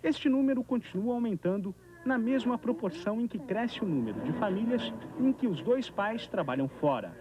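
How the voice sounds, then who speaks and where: A man's voice: high voice, animated, normal speed, highs cut off, a crowd in the background. A man with a Brazilian accent narrating a scripted TV news report, recorded on an old VHS tape. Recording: noisy 1990s VHS tape of TV broadcast.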